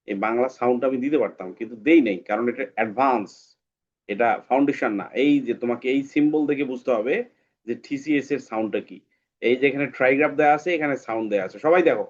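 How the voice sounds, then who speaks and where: A man teaches an online English phonics lesson, drilling each sound by repeating it several times for the class. His voice is medium-pitched, and the recording has its highs cut off.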